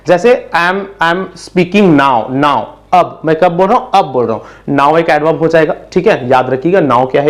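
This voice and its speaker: Guy teaching english grammar in hindi, slightly high voice, keeps asking and answering his own questions, goes slow on the examples. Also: a little mellow.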